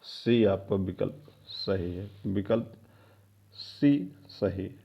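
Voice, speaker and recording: A man's voice: low voice, slow pace, creaky, warm tone, breathy edge. A male teacher going through exam questions, repeating each answer word several times and checking in with a rising "ठीक है" after each point. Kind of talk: exam-prep lecture. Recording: dull lo-fi lecture recording.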